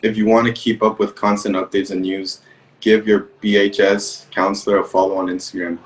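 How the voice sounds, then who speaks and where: A male student announcer reading a loud, upbeat notice. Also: lowish voice, little pitch movement, brisk, faint music behind. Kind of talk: read announcement. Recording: echoey, off-mic.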